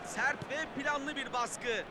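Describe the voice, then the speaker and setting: A man's voice: very high voice, takes it slowly. A man doing play-by-play football match commentary. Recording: loud stadium-like background noise.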